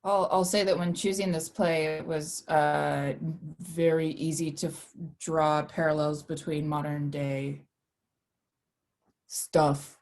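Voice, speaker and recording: Female moderator, slow and easy delivery, lower voice, casual video call. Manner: relaxed, calls on speakers by name. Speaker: panel moderator. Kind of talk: casual panel discussion.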